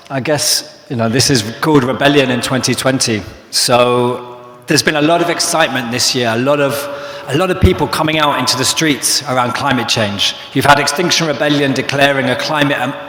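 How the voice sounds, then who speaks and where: A man from London with a London accent, moderating a live panel, talking quickly with fillers. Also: mid-range voice, a bit bright. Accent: London English. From London, England. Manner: quick talker with frequent fillers. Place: large echoey hall. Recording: echoey hall with long reverb.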